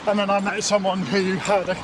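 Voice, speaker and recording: A man with a high-pitched voice answers interview questions casually as he runs along. He is recorded outdoors in an urban setting, with clear noise around his voice. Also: level tone, brisk. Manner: talking while running outdoors. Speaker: interview guest. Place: outdoors in an urban area, on the move.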